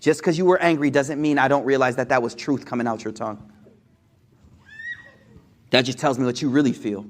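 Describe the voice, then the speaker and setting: A young man giving a casual religious talk to an audience, energetic and conversational, with slang and restarts. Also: mid-range voice, fairly quick, pauses often. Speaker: Islamic speaker.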